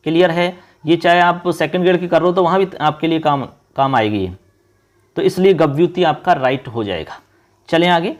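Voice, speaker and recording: High-voiced man teaching a lesson. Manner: addresses viewers as friends, quizzes them; repeats key terms slowly. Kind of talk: online exam-prep lesson.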